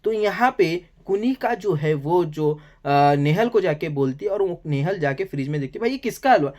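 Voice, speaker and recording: A man giving a casual, animated recap of a reality show, talking colloquially and saying "bhai" often. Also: on the high side, moderate pace.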